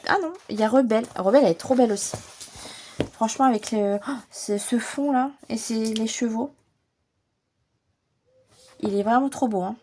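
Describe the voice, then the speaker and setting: A French woman chats enthusiastically through a casual vlog, her voice dark and slightly hoarse from a lingering bronchitis. She fills her talk with little hesitations and warm exclamations. A faint background hiss sits under the recording. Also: fairly high pitch, moderate pace, pauses often. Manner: chatty, enthusiastic, many fillers. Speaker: adult coloring vlogger.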